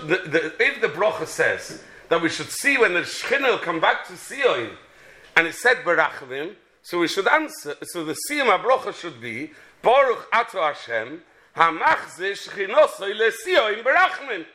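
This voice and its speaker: A man's voice: on the high side, sharp tone. A man with a Yiddish-inflected British accent gives an impassioned religious sermon as a rabbi, mixing English and Yiddish and repeating phrases for emphasis. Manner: switches between English and Yiddish.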